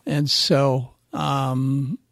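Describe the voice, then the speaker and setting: A man's voice: medium pitch, flat delivery, extremely slow, gravelly, a bit bright, dry recording, clean studio sound. A man hosting a podcast, prompting his guest with brief acknowledgements and follow-up questions. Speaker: podcast host. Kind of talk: casual interview questions.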